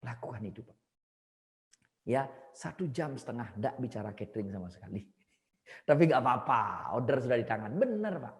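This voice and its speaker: Male seminar trainer, animated storytelling, echoey hall. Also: medium pitch, normal speed. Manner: animated, addresses audience directly, laughs at own jokes. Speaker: seminar speaker. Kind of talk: lively seminar talk with storytelling.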